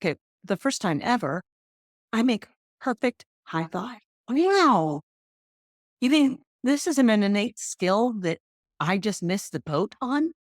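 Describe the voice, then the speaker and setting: Unhurried and recorded dry with studio quality, this podcast host tells stories from her own life. She's chatty, self-deprecating, and her pitch jumps around in a lively way.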